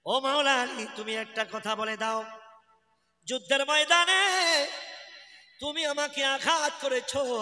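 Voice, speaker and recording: Brief: preacher voicing a weeping wrestler pleading, high and bright, roomy PA echo. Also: male voice, heavily acted. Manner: tearful pleading cries. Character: defeated enemy wrestler, man, weeping and pleading. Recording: echoey PA with long reverb.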